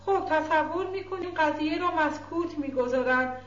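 A woman's voice: high-pitched, roomy sound, highs cut off, natural voice. A woman reading the part of a stern older woman guardian with a harsh, scolding manner. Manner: scolding, commanding.

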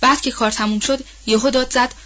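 A woman's voice: on the high side, steady tone, bright, forceful tone, muffled recording, voice pushed up. A woman voicing an anxious, gossipy old household nanny woman in an audiobook, talking in a rambling, colloquial way. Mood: worried. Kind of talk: audiobook role-play reading.

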